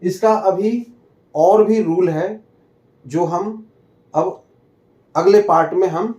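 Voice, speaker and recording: Slow, high-voiced man teaching. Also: warm tone, muffled recording. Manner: slow, repeats each word. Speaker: English teacher. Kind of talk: explaining a lesson. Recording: echoey room.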